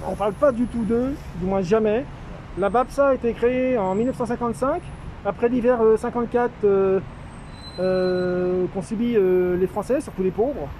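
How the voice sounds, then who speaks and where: A man with a notably high voice speaks through a face mask, slightly muffled. He talks informally and haltingly, as in a street video update, with clear traffic and urban noise around him. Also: dark tone. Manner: halting, drawn-out hesitations. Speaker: street medic caring for a homeless man. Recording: noisy outdoor street with traffic.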